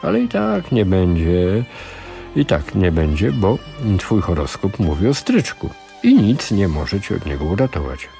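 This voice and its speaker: A man voicing a scheming older male sorcerer who lectures in a slow, measured way. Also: deep voice, huge pitch swings, gravelly, mellow, soft background music, heavily acted. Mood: mocking.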